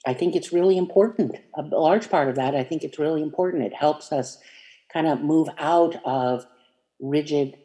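A minister giving a reflective spiritual talk, meandering and hesitant with many fillers and restarts, gentle and inviting. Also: medium pitch, moderate pace.

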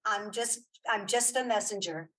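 Speaking at normal speed with a medium pitch and a sharp tone, this woman is a guest on an interview. A podcaster who also makes audio dramas, she keeps the conversation informal, sounding emphatic and encouraging while repeating phrases for emphasis.

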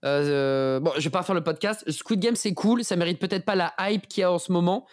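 A man's voice: high voice, brisk, no room sound, clean studio sound. Enthusiastic man in casual podcast chat. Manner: enthusiastic, pleading, slangy. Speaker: podcast co-host.

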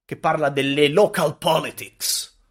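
Man, slightly high voice, podcast co-host, casual comedic chat, irreverent. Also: fairly even intonation, measured pace. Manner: irreverent, acts out imagined quotes.

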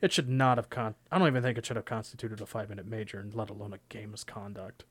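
A man's voice: lowish voice, fairly even intonation, fast talker, a bit bright, husky. A young man co-hosting a sports podcast, talking casually and rambling with lots of "you know". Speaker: podcast co-host.

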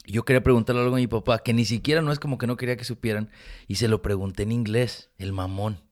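A man's voice: mid-range voice, steady tone, fast, a little mellow. A Mexican man hosting a podcast, chatting casually with slang and jokes while telling stories. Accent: Mexican Spanish. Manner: slangy, joking, storytelling. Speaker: podcast host. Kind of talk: casual chat.

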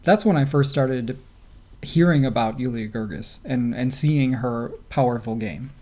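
A man with a Great Lakes American accent talks in a medium-pitched voice. He co-hosts a podcast, offering casual, conversational sports commentary. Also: unhurried, darkish tone. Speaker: podcast co-host.

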